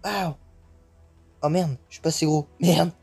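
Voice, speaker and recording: A young man commentating on his own gameplay, excitable and quick to swear, with English exclamations thrown into his French. His voice sits a little high for a man, and faint music plays behind him. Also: creaky, husky. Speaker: gaming YouTuber.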